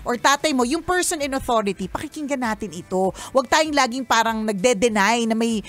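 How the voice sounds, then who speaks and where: A woman's voice: on the high side, animated, fairly quick. A woman with a Filipino accent hosting a radio show in a studio, chatting casually and teasing, acting out the remarks she quotes. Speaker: radio host. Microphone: studio microphone.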